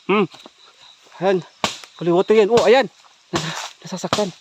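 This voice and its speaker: Filipino ghost hunter guy vlogging outside at night, keeps going from hushed to worked up, faint noise behind. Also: high voice, measured pace. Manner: talks straight to viewers, moving between hushed murmurs and excited exclamations; recites a Latin-sounding incantation in a steady chant. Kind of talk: night-time paranormal vlog commentary. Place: outdoors at night near a hut, in the rain.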